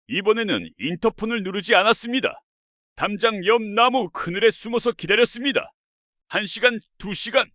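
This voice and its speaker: A man narrating a first-person family story in an earnest, steady way. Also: high-pitched, dry recording, studio quality.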